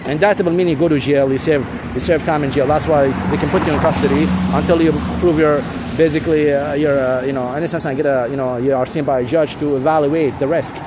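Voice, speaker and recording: A middle-aged man with a slightly high voice, talking into his phone outdoors on a rainy city street. He rambles insistently, circling back to the same points with lots of fillers. Loud traffic noise runs under everything. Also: fairly even intonation, fast talker, hardly any pauses. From Syria. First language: Arabic. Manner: insistent, repetitive, full of fillers. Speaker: vlogger.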